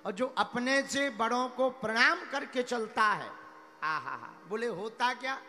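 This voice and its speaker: A man giving a devotional sermon in story form, animated, addressing the crowd directly and calling for responses. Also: very high-pitched, measured pace. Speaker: religious storyteller. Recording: echoey hall with faint music.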